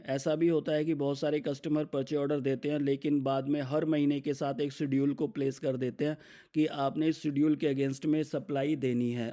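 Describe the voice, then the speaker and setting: Speaking with a fairly high pitch and an Indian accent, a man acts as a software instructor, explaining a program step by step. He mixes English business terms into his speech as he demonstrates.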